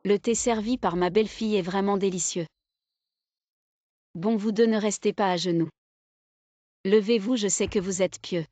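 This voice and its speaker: An actress playing a gracious, composed aunt in a mini-series drama. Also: female voice, medium pitch, moderate pace, long pauses, mellow, no room sound, lightly acted.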